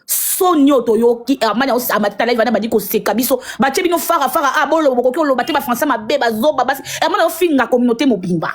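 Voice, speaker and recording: A woman co-hosting a live stream who chats casually and tries to calm the other host down. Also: high-pitched, quick pace, hardly any pauses.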